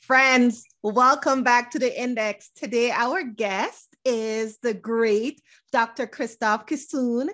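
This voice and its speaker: Slightly high and fairly bright, this podcast host's voice takes things slowly. She gushes warmly while welcoming and questioning her guest, leaning often on "um" and "so."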